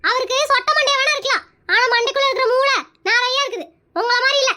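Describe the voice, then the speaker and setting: Comedy skit: woman as feisty scolding wife, extremely high voice, very rapid delivery, Kongu Tamil accent. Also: pushed and bright. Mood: bickering. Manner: scolding, threatening, bickering. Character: feisty wife seeking divorce, scolding her husband.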